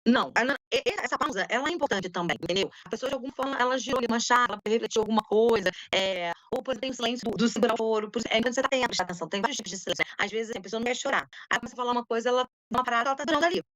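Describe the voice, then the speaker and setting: A woman lecturer giving an informal online academic talk on interview research, talking quickly with many fillers. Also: on the high side, fairly bright tone, dry recording. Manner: fast, informal, full of fillers.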